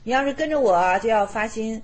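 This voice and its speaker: A woman's voice: fairly high pitch, animated, fast talker, a little mellow. Woman telling of a patient wise old sage. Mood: gentle, instructive. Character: wise, calm, kindly male sage layman.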